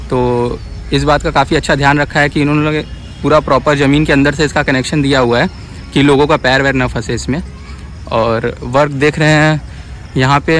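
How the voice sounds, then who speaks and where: Holding his phone camera at arm's length, a young vlogger with a Varanasi Hindi accent chats his way around a city sports field outdoors, showing viewers the sights. His voice runs on the high side with a fairly bright tone.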